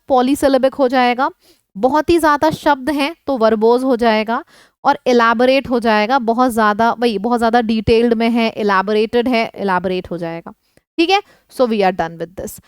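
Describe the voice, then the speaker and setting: Female tutor, Hindi native, bright high smooth voice, patient vocabulary drill with frequent check-ins. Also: no echo. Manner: explains words in mixed Hindi and English, checks in often. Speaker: teacher. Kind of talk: online vocabulary lesson.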